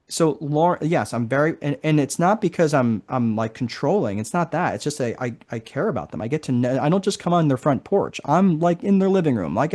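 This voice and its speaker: A man's voice: medium pitch, darkish tone. A man hosting a live online course session in a casual, chatty way, often tagging sentences with "right?". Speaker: marketing strategist presenting a course.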